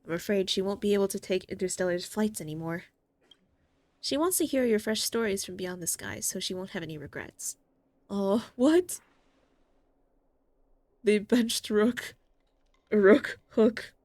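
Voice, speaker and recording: A woman's voice: medium pitch, fairly quick, no room sound. A woman streaming a video game, reading its dialogue aloud and reacting expressively as she goes. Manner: expressive, exclaims and laughs at the story.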